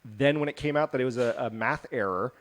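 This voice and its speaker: A man's voice: medium pitch, a little fast. A man co-hosting a casual podcast, reading out news stories in a rambling, jokey way with lots of fillers and restarts. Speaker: podcast co-host.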